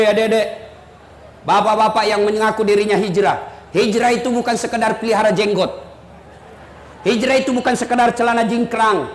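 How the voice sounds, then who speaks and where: Male preacher with a very high voice, joking and punchy; live sermon in an echoey hall. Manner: joking, emphatic, often shouting. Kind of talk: humorous sermon. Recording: echoey hall, faint noise.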